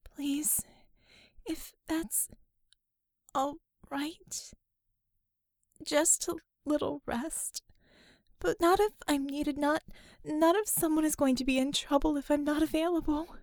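A woman's voice: high voice, steady tone, a little fast, a little mellow, no echo, clean studio sound, pitched above the performer's own voice. A woman voicing an exhausted young female magician who stammers and sounds anxious. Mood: pleading.

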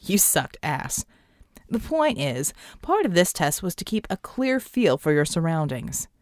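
A woman's voice: low voice, sing-song, a little slow, a little mellow, no echo, voice pushed down. A brash male genie, voiced by a woman narrator talks in loose, joking slang. He is cocky and teasing. The recording is dry and close.

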